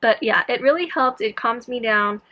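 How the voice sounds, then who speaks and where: Slightly high-voiced and at a normal pace, a young woman chats through a casual personal vlog, her audio sounding dull. She tells her story in a scattered way, cutting herself off often. A sore throat from tonsil surgery makes some words hard for her to get out.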